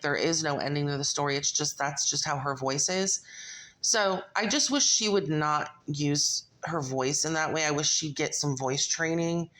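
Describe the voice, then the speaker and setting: A woman's voice: low-pitched, a bit bright. A woman vlogging her opinions casually, rambling and restarting her sentences, direct and opinionated. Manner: rambling, with frequent restarts and filler words. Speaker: commentary vlogger.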